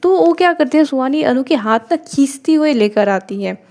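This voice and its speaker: A woman's voice: high-pitched, animated, normal speed, darkish tone. A woman narrating a love story in a chatty, conversational way, often restarting and repeating herself. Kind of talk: casual spoken story narration.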